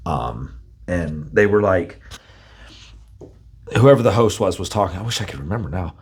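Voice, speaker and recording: A laid-back man chatting on a podcast with a very low voice. He swears casually and rambles as he explains things, in plain easygoing talk. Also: lively intonation, normal speed, a little mellow, husky. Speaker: podcast co-host. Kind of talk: casual chat.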